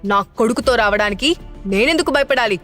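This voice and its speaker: A woman's voice: fairly high pitch, a little fast, a bit bright, faint music behind, natural voice. A woman voicing a cold, defiant young mother who speaks firmly in an audio drama. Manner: cold, firm.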